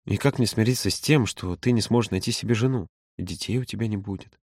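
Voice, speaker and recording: A man voicing a grieving, resigned mother who speaks softly and sorrowfully. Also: lowish voice, fast, husky, no echo, studio quality. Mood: quiet, probing. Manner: soft, sorrowful, quiet. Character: grieving mother, aging woman, resigned and tender.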